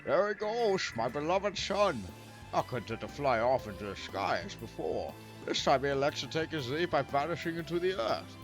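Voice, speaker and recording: A man voicing a proud, sentimental father in a video game, with formal, florid, declamatory speech. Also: mid-range voice. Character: proud, sentimental, grandiose father of a grown son. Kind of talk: video game dialogue acting.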